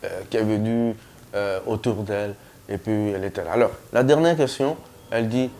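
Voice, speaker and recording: A man telling a comic story with many fillers, animated, putting on high voices for the people he quotes. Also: slight background noise. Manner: slow, hesitant delivery with many fillers.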